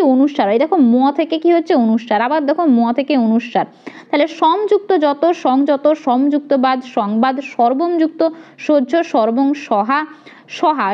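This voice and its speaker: High-voiced woman teaching grammar. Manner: explains step by step, asks questions and answers them herself. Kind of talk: grammar lesson for teaching-exam students. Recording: dull lo-fi recording.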